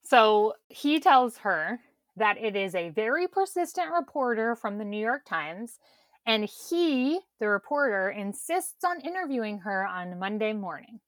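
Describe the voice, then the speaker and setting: A woman's voice: medium pitch, big pitch swings, a little slow, no echo, clean studio sound. A woman co-hosting a podcast, recapping a TV episode in casual, wry chat. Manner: wry, quotes characters in mocking voices. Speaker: podcast co-host.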